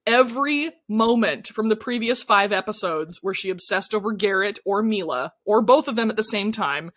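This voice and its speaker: Recapping a TV show on a casual podcast she co-hosts, this woman animatedly performs the characters' lines. She speaks at a normal speed in a mid-range voice that's a bit bright, with lively intonation.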